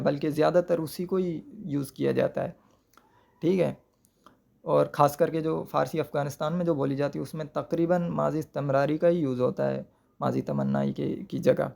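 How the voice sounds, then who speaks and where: Repeating each word and asking rhetorical questions to check comprehension, a male teacher works patiently through Persian grammar. He sounds fairly high-pitched, creaky and a little mellow.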